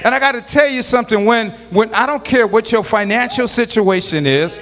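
A man preaching a sermon as a pastor, building to shouted, rhythmic lines full of repetition. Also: very high-pitched, a little fast. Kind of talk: call-and-response sermon.

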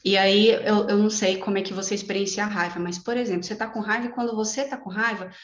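A woman's voice: mid-range voice, fast talker. Woman explaining mindfulness, roomy dull audio. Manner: lively, warm, uses personal examples. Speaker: guest speaker on mindfulness. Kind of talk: explanatory talk in an online meeting.

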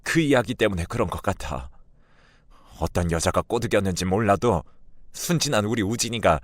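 A man voicing a proud, snobbish middle-aged mother with a scolding, shrill edge. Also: expressive, moderate pace, no room sound. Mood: distressed. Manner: scolding, shrill when angry.

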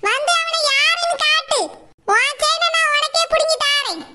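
A woman voicing a bold, bossy fish-seller neighbour with a Kanyakumari Tamil accent who brags and scolds in a drawn-out way. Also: extremely high pitch, sharp tone, voice pushed up, full character voice. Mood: boastful.

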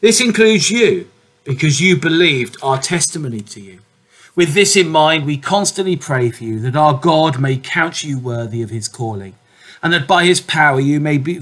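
A man, a priest, reading scripture and then preaching a sermon in a measured, deliberate way. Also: fairly high pitch, animated, a bit bright, poor audio.

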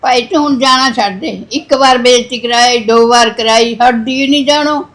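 A middle-aged woman with a Punjabi accent speaks in a high voice, sharp and sarcastic with a scolding edge. Her lines come in the tone of scripted village drama acting. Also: moderate pace. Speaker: mother in the drama.

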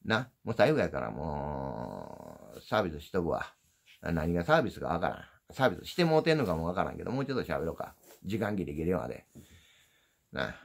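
Gravelly low-voiced Osaka-dialect man. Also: sing-song, a little fast. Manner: meandering, folksy, self-deprecating. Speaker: channel host. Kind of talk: rambling casual monologue. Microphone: handheld phone.

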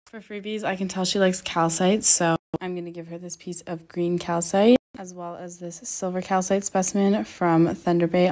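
A woman's voice: fairly low pitch, a little mellow. A young woman who runs a small shop, chatting casually and upbeat as she lists items one by one while packing orders. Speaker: crystal shop owner.

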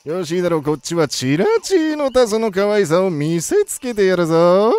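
A game streamer calling competitive battle moves play by play, excitable and talking through each decision aloud in a playful old-man way of speaking. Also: medium pitch, moderate pace, clear, resonant tone, dry recording.

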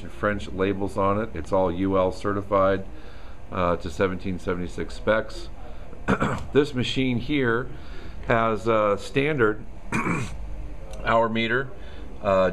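An equipment salesman with a lowish voice gives a casual walkaround demo of a machine in a store showroom, talking loosely with plenty of ums and uhs. A little hiss or hum is audible.

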